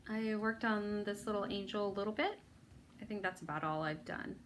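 Talking at a moderate pace in a mid-range voice, this woman hosts a needlework video and chats casually about her stitching projects. She rambles and puts herself down, with plenty of ums and restarts, and there's slight background noise.

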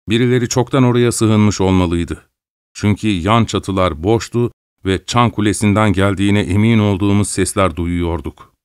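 Low-voiced man narrating an audiobook. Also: smooth, no echo, clean studio sound. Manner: measured, dramatic storytelling.

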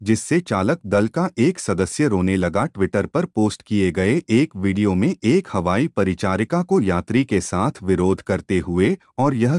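A man reading a news story as a scripted voice-over in a measured way. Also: on the low side, darkish tone, no echo, clean studio sound. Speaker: news narrator.

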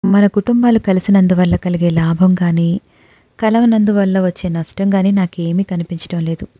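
A woman reading an audio novel, voicing a calm young man who speaks in a low, quiet, measured way. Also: dry recording, close to an everyday voice. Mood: reserved. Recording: dull dry recording.

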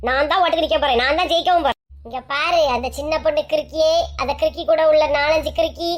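A woman's voice: high-pitched, quick pace. A woman with a Kanyakumari accent performing a comic village skit, boastful and quarrelsome. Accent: Kanyakumari Tamil. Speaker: comedy skit creator.

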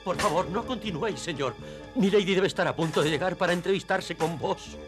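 A man's voice: high voice, brisk, music in the background, natural voice. An actor voicing a cowardly, fawning male servant henchman in a dubbed cartoon, pleading and servile.

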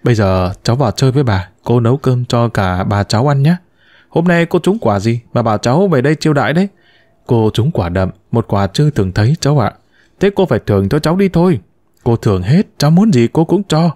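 A young mother in a storybook, emotional and pleading as she speaks of the son she left behind, voiced by a man reading aloud. The voice is mellow and dark-toned with lively pitch swings. The recording is dry and close. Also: brisk, no echo, close to an everyday voice. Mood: tender cheerful. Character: young woman, anguished mother who abandoned her son.

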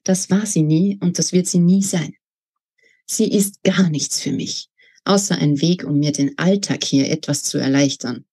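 A woman's voice: sits low, unhurried, mellow, husky, exaggerated voice. A woman voicing a spiteful, scornful young woman in a read-aloud novel, talking in a mocking, sneering way.

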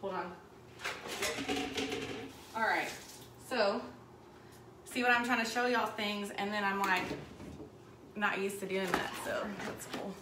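A woman's voice: medium pitch, fairly even intonation, slow pace, long pauses. A woman, hosting a live cooking demonstration in her home kitchen, chatting and rambling as she works. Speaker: cooking show host. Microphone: camera mic at a distance across the counter. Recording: echoey kitchen with background noise.

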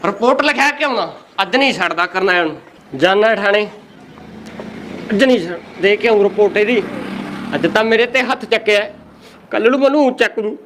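A man playing an aggrieved, tipsy, henpecked village man who complains without pause. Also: sits high, fairly bright tone, a little hiss or hum. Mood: whining. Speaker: comic village character. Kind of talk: rural comedy sketch.

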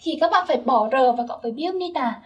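A woman's voice: high-pitched, expressive, fast talker, recorded from a distance, highs cut off. A young woman teaching Korean grammar step by step, patiently checking that her listeners follow. Her first language is Vietnamese.

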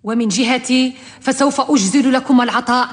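Woman playing a jealous haughty rich wife plotting, highish voice, historical radio drama, lots of reverb. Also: a little fast, natural voice. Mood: conspiratorial. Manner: formal, theatrical, menacing. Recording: long hall reverb.

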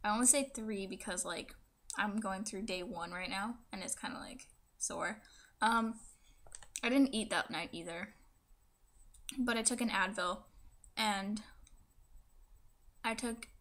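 Bright young woman with a fresh tongue piercing. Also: mid-range voice, a little slow, long pauses. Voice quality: speech slightly affected by a new tongue piercing. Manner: hesitant, filler-heavy, peppered with "like". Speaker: vlogger. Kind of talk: casual chat to camera. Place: small room indoors.

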